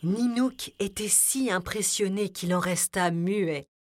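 A woman narrating a children's story in a gentle, expressive way. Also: mid-range voice, takes it slowly. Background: music.

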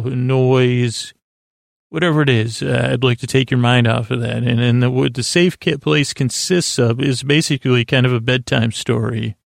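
An American man from Syracuse, New York, hosts a sleep podcast, delivering a meandering bedtime monologue straight to the listener. His creaky, medium-pitched voice is halting and reassuring, often stumbling over words. The studio-quality recording has no echo.

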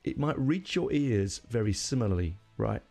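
A man's voice: medium pitch, very animated, normal speed, gravelly, darkish tone, faint music behind. A middle-aged man hosting a podcast, talking alone in a rambling, opinionated way and often correcting himself mid-sentence. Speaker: podcast host. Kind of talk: casual solo monologue.

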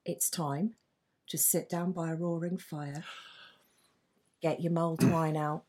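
A woman narrates a ghost story in a low, unhurried voice. She draws out each line with measured drama, a fireside storyteller setting a spooky scene for listeners. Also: level tone, a little mellow. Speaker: podcast co-host and storyteller.

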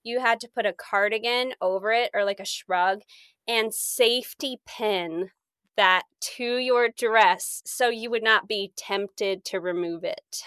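Chatty young woman with a clear voice. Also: mid-range voice, a little slow, a bit bright, no room sound. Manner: chatty, laughs often while telling anecdotes. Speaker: podcast co-host. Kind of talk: casual chat, storytelling.

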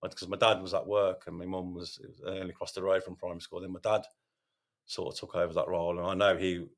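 A man with a very deep, low voice speaks candidly in an interview. He halts often, restarting his sentences and filling gaps with ums. His tone stays open and unguarded as he talks through his past. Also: little pitch movement. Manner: halting, self-correcting, frequent ums and repeated words. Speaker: podcast host, sharing his recovery story.

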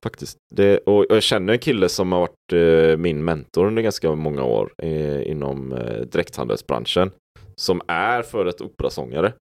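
A man's voice: very deep voice, lively intonation. A man hosting a podcast, telling stories and musing in a rambling, reflective way. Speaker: podcast host. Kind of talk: casual podcast conversation.

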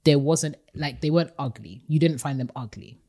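Female podcast co-host, London accent, low register, relaxed conversational delivery with urban London slang. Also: moderate pace, husky. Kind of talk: casual chat.

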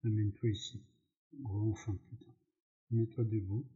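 Brawler, male, young, pugnacious, read by a man narrator, low dark voice, lo-fi. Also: fairly even intonation, normal speed, natural voice. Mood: taunting. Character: angry pugnacious young man picking a fight. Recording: dull lo-fi recording.

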